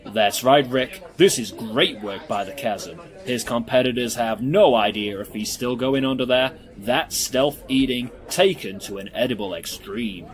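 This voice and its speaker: Brief: British man as excitable co-commentator, mid-pitched voice, punchy hyperbole. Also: a little slow, hardly any pauses, faint music behind, lightly acted. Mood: hyped. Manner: hyped, punchy commentary with big exclamations. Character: male sports co-commentator Dan, excitable and hyperbolic. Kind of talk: comedy sketch sports commentary.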